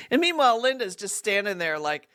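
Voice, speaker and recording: With a mid-range voice, a woman hosting a podcast recounts a funny personal story in lively fashion, frequently laughing and imitating the people involved.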